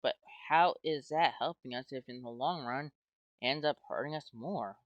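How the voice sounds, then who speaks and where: A man's voice: mid-range voice, normal speed, no echo, muffled recording. An American man rambling hesitantly in casual commentary as a YouTuber, talking his way through his thoughts with lots of "well" and "like". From United States. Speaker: YouTuber playing a game.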